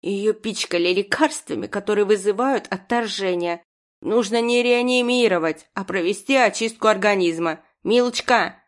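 A bossy old woman doctor barks her orders, low and loud, voiced by a woman reading an audiobook. She speaks in a hard, commanding way and puts up with no argument. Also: moderate pace, lightly acted. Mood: imperious. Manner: commanding, barking. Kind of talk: audiobook character voice.

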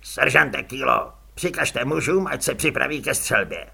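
A man reads as a stiff, self-important army captain. The orders come out haughty and clipped. The voice stays bright with a husky edge. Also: medium pitch, animated, full character voice. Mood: stiff commanding.

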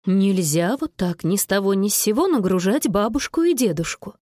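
A woman voicing a careful, worrying mother in a children's story, in a measured tone. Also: medium pitch, lively intonation, warm tone, dry recording, studio quality, lightly acted. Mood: firm. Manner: measured, mildly worried.

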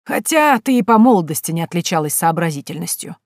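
A woman reading an audiobook voices a sharp-tongued, domineering old mother-in-law who scolds slowly and cuttingly. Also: on the low side, big pitch swings, dry recording, clean studio sound. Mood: scornful.

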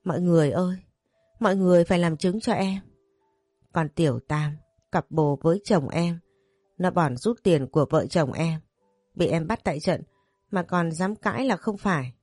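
A furious, jealous young wife, as a woman reads her in a storybook tale, accusing and hysterical. The voice sits low and mellow, recorded dry and close. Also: normal speed, dry recording, soft background music, natural voice.

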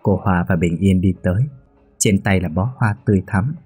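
A man narrating a scripted horror story in a steady, even reading. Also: deep voice, moderate pace, husky, no room sound. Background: faint music.

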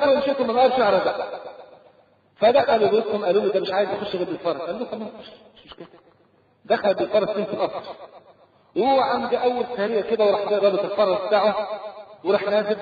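A man with an Egyptian Arabic accent preaching a sermon, telling a story in animated colloquial speech and acting out its dialogue. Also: high voice. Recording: echoey hall over a tinny lo-fi line.

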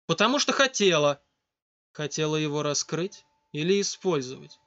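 A man voicing a mysterious bodiless stranger, speaking softly and coaxingly. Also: a little high, big pitch swings, normal speed, no echo. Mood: insinuating. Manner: soft, coaxing and quiet. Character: mysterious bodiless male voice, soft and sly. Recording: dull lo-fi dry recording.

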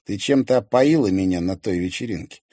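A man's voice: fairly low pitch, fairly quick, warm tone, no echo, studio quality, lightly acted. A man voicing an angry, blunt teenage boy who answers curtly and with disgust, in an audiobook. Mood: indignant. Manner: curt, grumbling.

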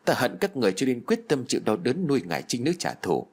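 Man reading as a vengeful woman ghost, husky and accusing, pitch rising and falling a lot. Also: wildly swooping pitch, quick pace, a little mellow. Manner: cold accusing speech. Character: vengeful female ghost, cursing her killers.

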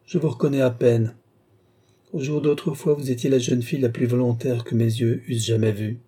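A man voicing a bitter, vengeful middle-aged man who comes back in disguise and speaks with dark, sneering intent. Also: mid-range voice, fairly even intonation, brisk, breathy edge, natural voice. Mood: wondering.

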